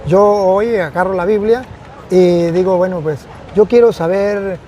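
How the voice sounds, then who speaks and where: A man speaks in a fairly high but mellow voice, earnest and reflective. He tends to circle back and repeat his phrases for emphasis. Faint street noise hums in the background of this outdoor recording. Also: unhurried. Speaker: priest. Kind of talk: conversational testimony.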